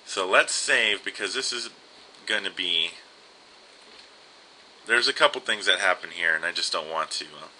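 A man's voice: deep voice, moderate pace, pauses often, bright, forceful tone, slight background noise, low-quality recording. A young man casually commenting on an old adventure game and reading its text aloud. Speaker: let's play host.

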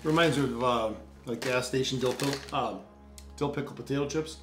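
A man's voice: mid-range voice, brisk, echoey room, over music. A man co-hosting a casual food tasting, chatty and jokey, reading labels aloud. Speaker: co-host.

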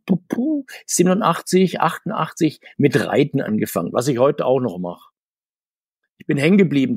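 A comics marketer in his 60s joins a video-call interview from a home room full of figures, talking in a rambling, chatty, casual way and laughing between points. His voice is fairly high-pitched and darkish with a breathy edge, recorded dry with clean studio sound.

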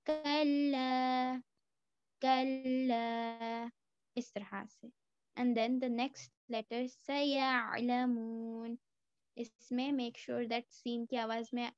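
A woman teaches Quran recitation, patiently explaining each point and stretching the words out slowly. Her voice is smooth and fairly high. The recording is dry and a little dull. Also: no echo. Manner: slow, drawn-out demonstration of words. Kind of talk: tajweed lesson mixing Hindi and English.

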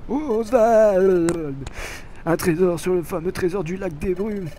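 A man's voice: sits high, fairly even intonation, a little fast, dark tone, a little hiss or hum, natural voice. A man voicing a curious male creature explorer in a video game, reading its lines with wonder and frequent hesitations. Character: curious male Pokémon partner, eager explorer. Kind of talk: dramatic reading of game dialogue.

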